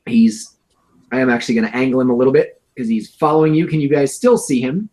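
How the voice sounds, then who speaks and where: A man's voice: medium pitch, fast, a little mellow, low-quality recording. A man running a tabletop game as game master over a video call, narrating with wry humor and calling rules. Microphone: home computer mic on an online video call.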